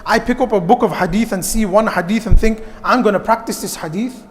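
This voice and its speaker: A man gives a lively, direct youth talk in a mosque, putting questions straight to his listeners. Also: sits high, a little fast, a little hiss or hum. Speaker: youth programme speaker. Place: mosque hall. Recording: long hall reverb.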